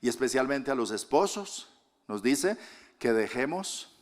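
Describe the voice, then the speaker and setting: A man preaching a sermon with a Colombian accent, his voice sitting at an ordinary middle pitch. He swings between loud, emphatic declarations and soft, hushed asides to the congregation. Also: big pitch swings, measured pace. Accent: Colombian Spanish. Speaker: pastor.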